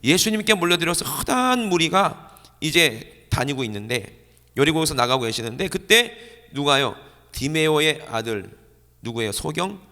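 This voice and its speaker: A male pastor preaching a sermon, animated, asking the congregation questions and answering them himself. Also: fairly high pitch, normal speed. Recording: church hall reverb.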